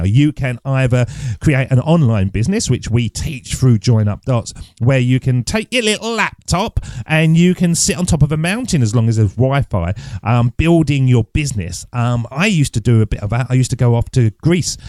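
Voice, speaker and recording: A man's voice: medium pitch, darkish tone, no echo. A man hosting his own podcast, chatting loosely and thinking aloud as he looks things up. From England. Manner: chatty, rambling, thinks aloud while searching online. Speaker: podcast host. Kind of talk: casual solo podcast teaching. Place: at home desk. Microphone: close studio mic.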